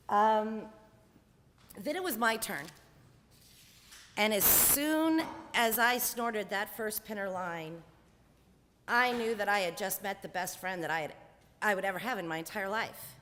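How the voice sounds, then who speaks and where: A woman's voice: medium pitch, a bit bright, slight background noise. Lady in her 40s telling her own story on stage, dry humor, echoey hall sound. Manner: candid, wry storytelling. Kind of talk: personal monologue on stage.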